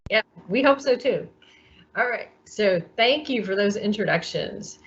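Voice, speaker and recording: Slow, measured woman moderating a panel. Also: medium pitch, lively intonation, dull audio. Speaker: workshop moderator. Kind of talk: hosting a panel.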